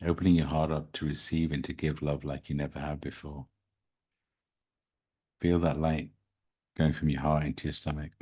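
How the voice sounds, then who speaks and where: Man w really low voice doing a gentle guided meditation, slow and soothing. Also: little pitch movement, husky. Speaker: podcast host and spiritual reader.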